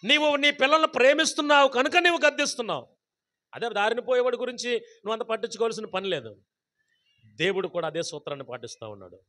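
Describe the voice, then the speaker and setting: High-voiced man preaching a sermon. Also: expressive, quick pace, pushed and bright. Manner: asks the congregation questions and repeats scripture phrase by phrase. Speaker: pastor. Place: church prayer gathering.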